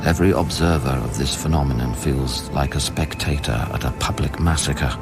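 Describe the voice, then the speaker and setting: A low male voice recounts eerie events on a space station as a haunted scientist in first-person radio play narration, awed and solemn. The pace is measured and the phrasing literary and brooding, sometimes falling to a whisper, all over prominent music.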